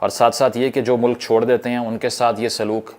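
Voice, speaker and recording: A man from Pakistan giving formal political commentary, measured, with English phrases woven in. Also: mid-range voice, flat delivery, a little mellow, slight background noise.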